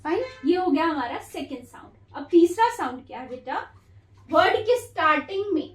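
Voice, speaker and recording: Woman, phonics teacher, high voice, sounds words out, echoey room, mic far off. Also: expressive. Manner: sounds words out slowly, repeating each one; calls her students "beta" warmly. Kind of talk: slow classroom phonics lesson.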